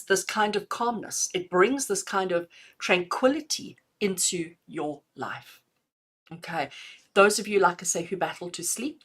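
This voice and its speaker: A middle-aged woman, a spiritual healer, leading a live breathing lesson, switching between slow calm counting and animated, laughing explanation. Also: fairly low pitch, breathy edge. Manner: animated, laughs often, counts slowly and calmly.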